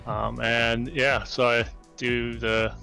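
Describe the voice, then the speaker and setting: A man's voice: medium pitch, flat delivery, takes it slowly, gravelly, pushed and bright, faint music behind. A man in his forties, a game developer talking through a video call in a casual interview, rambling with lots of fillers. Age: 40s. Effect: heard over a video call.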